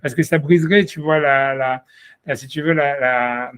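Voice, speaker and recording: A man's voice: medium pitch, steady tone, normal speed, fairly bright tone, clean tone, dry recording. A man teaching Talmud one-on-one, explaining patiently with many repetitions and restarts. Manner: explains patiently, repeats "tu vois" often, hesitant restarts. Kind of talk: one-on-one study session.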